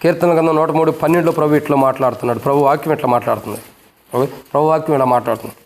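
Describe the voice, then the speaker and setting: A man's voice: on the high side, racing. A man preaching a fervent sermon as pastor at a church service. He hammers the congregation with repeated rhetorical questions and stern warnings. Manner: scolding, warning tone.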